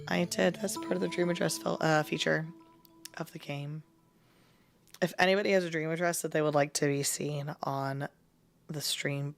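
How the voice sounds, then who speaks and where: A young adult woman streaming from home, chatting candidly with a raspy, sick voice and clearing her throat now and then. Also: sits low. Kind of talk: casual live-stream chat. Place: at home, near bed.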